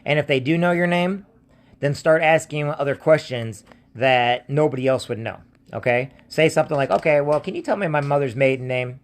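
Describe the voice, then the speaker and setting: His voice runs on the high side at a normal speed. An American man acting as an identity theft protection seller in a scam-warning video, he casually warns viewers and phone listeners, insisting bluntly and saying things more than once.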